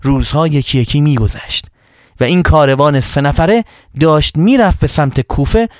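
A male storyteller telling a religious story to children in an expressive narrating voice. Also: fairly high pitch, no echo, clean studio sound.

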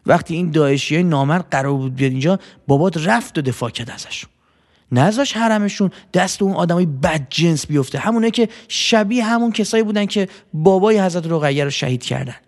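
A man telling a first-person story in a gentle way, repeating words for effect. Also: a little high, lively intonation. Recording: long hall reverb.

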